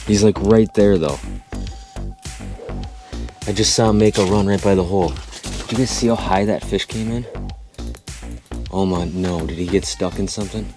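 A man in his thirties vlogging from inside an ice-fishing tent, talking excitedly to viewers while reeling in fish, picked up by an action camera mic. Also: deep voice. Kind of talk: excited play-by-play vlog.

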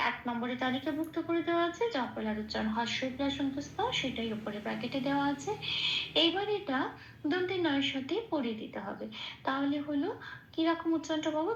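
A woman patiently teaching pronunciation step by step, slow and careful, with soft hums between points. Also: sits high, roomy sound, muffled recording, a little hiss or hum. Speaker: Gita recitation teacher.

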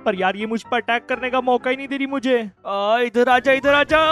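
Gaming host, male, very high voice, hyped play-by-play, faint music under it. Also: moderate pace. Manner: excitable, addressing viewers constantly. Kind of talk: excited gaming commentary.

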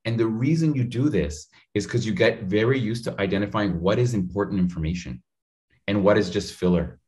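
A man in his thirties offers public speaking advice during a video call, animated and direct, gesturing a lot and addressing the viewer straight on in an energetic interview. He records at home on a studio mic visible in frame. His voice is lowish and a little fast.

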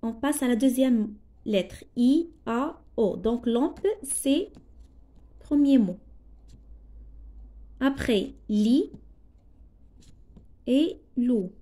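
A woman teacher with a Moroccan accent walks young pupils through a lesson at an unhurried pace. Her voice sits high but has a mellow, soft tone. She is patient and spells things out letter by letter. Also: expressive. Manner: slow, patient, spells out letters and translates words. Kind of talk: classroom lesson explanation.

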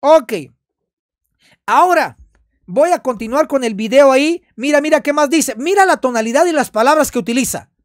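Emphatic high-voiced man pastor. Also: lively intonation, moderate pace, no echo, clean studio sound. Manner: emphatic, repeats phrases. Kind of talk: sermon-style video commentary.

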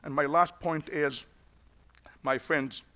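A man giving an earnest, measured conference speech with firm emphasis. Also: fairly high pitch, fairly even intonation, pushed and bright. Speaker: conference speaker.

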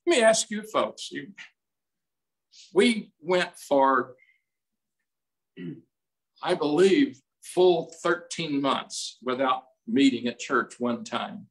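Slow-preaching older man. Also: fairly high pitch, animated, low-quality recording. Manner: slow, emphatic, folksy preaching with hand gestures. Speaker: pastor. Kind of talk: sermon. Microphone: desk mic on stand, streamed over video call.

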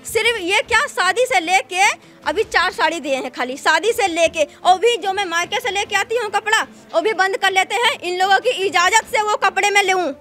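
A woman's voice: very high voice, normal speed, sharp tone, soft background music. A woman talking to a reporter outdoors outside a house, pleading her side of a family quarrel in earnest. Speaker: daughter-in-law interviewee. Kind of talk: street interview.

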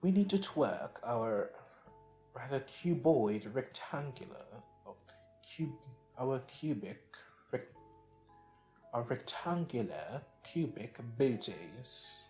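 A jokey, mock-posh British gentleman, as a gamer puts him on, drawn out and slow in his speech. Soft game music sits faintly behind. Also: medium pitch, big pitch swings, echoey room. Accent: put-on British.

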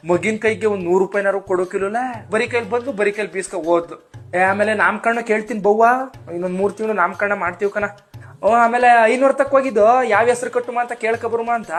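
A man's voice: high-pitched, lightly acted. A man acting as a fussy, gossipy young village mother just after childbirth, nagging and chattering on the phone in a comic skit.

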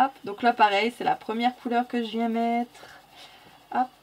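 A woman's voice: a little high, level tone, moderate pace. A woman with a non-standard French accent chatting casually through a coloring tutorial, correcting herself, muttering "hop" as she works and laughing at her own slips. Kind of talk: casual narrated drawing tutorial.

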